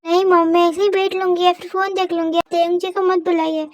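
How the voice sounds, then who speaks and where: A woman's voice: extremely high pitch, little pitch movement, a little fast, no room sound, low-quality recording. A woman playing a shy pleading young woman. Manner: pleading, embarrassed. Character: shy, flustered young woman, a new bride-to-be. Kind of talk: Hindi fan-fiction voice story.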